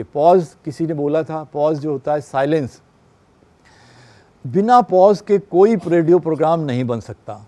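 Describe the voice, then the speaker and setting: A man's voice: fairly high pitch, mellow. A man teaching a class on radio production, explaining patiently and often checking that his listeners follow. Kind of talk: classroom lecture.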